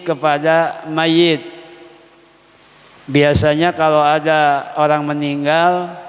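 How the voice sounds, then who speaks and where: A male religious teacher leads a kitab study. He reads Arabic slowly, then explains it in casual, joking everyday speech. The long hall reverb trails behind each phrase. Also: fairly high pitch.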